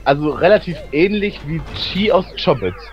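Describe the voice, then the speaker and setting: A man's voice: on the high side, sing-song, moderate pace, dull audio, soft background music. A man co-commentating a video game with brief, teasing remarks. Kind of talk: casual gaming commentary.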